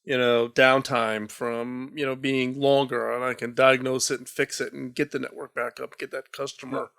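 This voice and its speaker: A man's voice: mid-range voice, little pitch movement, normal speed, creaky, a bit bright. A man hosting an interview at a trade show, talking animatedly and often repeating words as he starts a thought. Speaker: podcast host. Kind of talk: conversational interview.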